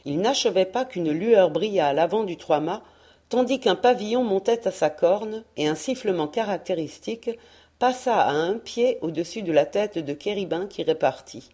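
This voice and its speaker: A woman narrating a historical adventure novel in a measured, expressive reading voice. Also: medium pitch. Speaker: audiobook reader. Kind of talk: scripted narration.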